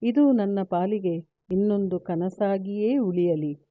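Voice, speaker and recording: Woman narrator voicing a grave warrior son, slow measured delivery, dry tinny sound. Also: medium pitch, no room sound. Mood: resolute. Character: grieving noble male warrior son, resolute. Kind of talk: read-aloud epic storytelling.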